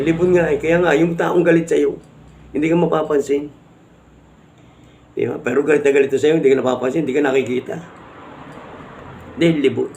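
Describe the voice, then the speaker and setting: Gravelly Filipino man explaining amulets. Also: fairly high pitch, darkish tone, a little hiss or hum. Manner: repetitive, rhetorical, keeps asking viewers to agree. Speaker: amulet vlogger. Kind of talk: casual explanatory talk to viewers.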